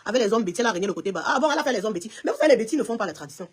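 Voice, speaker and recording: Woman, Cameroonian French accent, husky voice, very fast talker, emphatic live-stream chat, addresses viewers by name. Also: a little high, animated. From Cameroon, West region.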